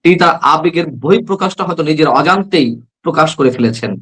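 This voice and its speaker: A man's voice: fairly high pitch, expressive, brisk, a bit bright, slightly rough, low-quality recording. A man from Bangladesh, a journalist guest on a political talk show, arguing with passion and firing rhetorical questions.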